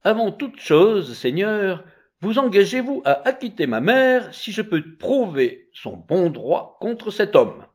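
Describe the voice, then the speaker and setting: A man voicing the boy seer Merlin, bold, accusing and solemn, in loud pressing declamation. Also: sits high, big pitch swings, slow pace, slightly rough, pitched above the performer's own voice, heavily acted. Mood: insistent.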